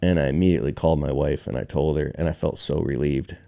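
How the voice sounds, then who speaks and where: A man with a very deep, dark and mellow voice speaks as a podcast guest. His storytelling is casual and candid, emotional and sprinkled with slang like "bro" and "dude". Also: steady tone, fast, gravelly.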